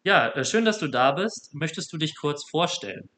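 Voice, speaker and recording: A man's voice: a little high, lively intonation, normal speed, sharp tone. A young man from Germany hosting a casual student podcast and encouraging his guests. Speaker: podcast host.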